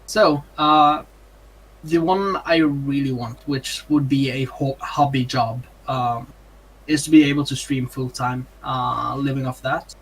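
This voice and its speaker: A young Norwegian streamer, appearing as an interview guest, answers questions in casual, hesitant English with many ums and uhs. He has a Norwegian accent and a slightly rough, mid-range voice with fairly even intonation and a measured pace. The recording is rough.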